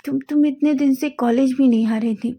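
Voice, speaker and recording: A high-pitched, eager young college guy, as a woman puts him on for a read-aloud fan story, firing anxious questions one after another. The tone is mellow and soft. It is clearly a voice done by the reader herself. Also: steady tone. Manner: rapid worried questions. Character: excitable young male college friend.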